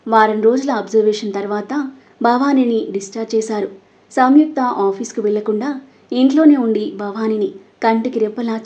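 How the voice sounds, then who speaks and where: A woman's voice: fairly high pitch, mellow. A woman reading a dramatic story aloud, voicing the characters' dialogue with feeling. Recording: dull lo-fi recording.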